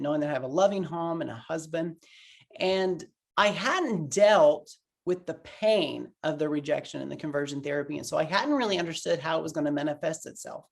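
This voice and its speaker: A man's voice: fairly high pitch, gravelly. A man with an Oklahoman accent, giving an earnest, reflective personal testimony as a guest on a video-call interview. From Oklahoma, USA. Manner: earnest and reflective, with many fillers.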